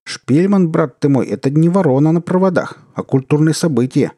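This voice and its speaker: A chummy, pushy official talks in a raised, brisk, over-familiar way, as a man puts him on. The voice is husky and dry. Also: a little high, lively intonation, warm tone, dry recording, voice pushed up. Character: chummy, pushy male deputy minister.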